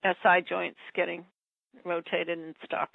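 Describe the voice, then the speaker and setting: An older woman calling in to a radio show, excited and giggly, talking in a rambling way about her troubles. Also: on the low side, unhurried, gravelly, dry recording. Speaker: caller. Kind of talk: call-in radio chat. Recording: muffled phone line, dry.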